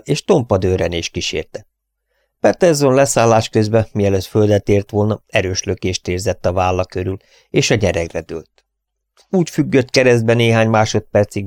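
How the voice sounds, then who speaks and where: Male audiobook narrator, low gravelly voice, measured dramatic reading, dry close mic. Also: darkish tone, dry recording. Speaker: audiobook reader. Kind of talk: scripted narration.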